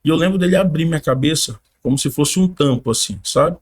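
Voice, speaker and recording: A man on a podcast giving his personal faith testimony in casual conversation, a lively storyteller who acts out what others said, with informal slang. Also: fairly high pitch, fairly quick, slightly rough. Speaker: podcast guest.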